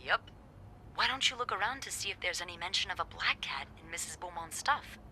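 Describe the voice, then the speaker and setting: An actress voices a sardonic, playful young hotel receptionist in a mystery video game, sounding teasing, lively and expressive in casual conversation. Her female voice is on the low side and fairly quick, with slight background noise.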